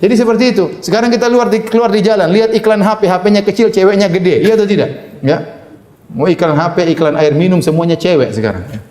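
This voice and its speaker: A man giving a Ramadan sermon in an animated manner, quoting Arabic and translating it, with humorous asides. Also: high voice, fast talker. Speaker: preacher. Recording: echoey room.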